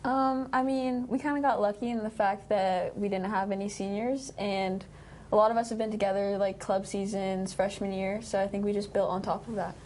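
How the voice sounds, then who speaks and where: A teenage young woman with a mid-pitched voice gives casual athlete interview answers. Some noise sits behind her. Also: steady tone, moderate pace, a little mellow. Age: teens. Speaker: student athlete being interviewed.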